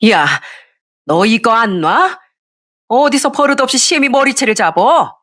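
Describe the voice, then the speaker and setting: A woman's voice: fairly high pitch, very animated, measured pace, a bit bright, voice pushed up, exaggerated voice. A woman voicing a domineering older mother-in-law who scolds her daughter-in-law harshly, in an audio story reading. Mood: scolding.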